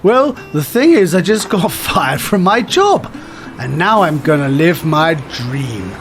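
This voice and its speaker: A man voicing an excitable, plump forty-two-year-old man who overshares about becoming a writer, read aloud from a screenplay. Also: a little high, slow pace, a little hiss or hum, full character voice. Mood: eager. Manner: over-explaining, eager.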